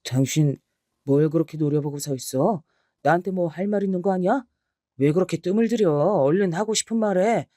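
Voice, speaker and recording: A woman's voice: lowish voice, a little fast, mellow, no echo, lightly acted. A woman voicing a brazen middle-aged husband who fires curt, taunting questions, in a dry recording.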